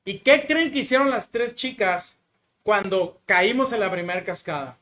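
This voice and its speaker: A man with a Mexican accent giving a conversational sermon, chatty and full of little fillers, then slowing and softening as he prays. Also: sits high, lively intonation. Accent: Mexican Spanish. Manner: chatty, fills pauses with "¿no?" and "o sea"; slows down and softens when praying. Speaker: preacher. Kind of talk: conversational sermon with personal story.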